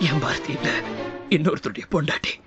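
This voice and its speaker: A man's voice: on the high side, fairly quick, highs cut off, over loud music, natural voice. An actor playing a heartbroken young man who accuses his former lover, pleading and repeating himself, with a Tamil accent, in a TV serial. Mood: anguished. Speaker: jilted lover confronting his ex. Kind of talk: TV serial acting.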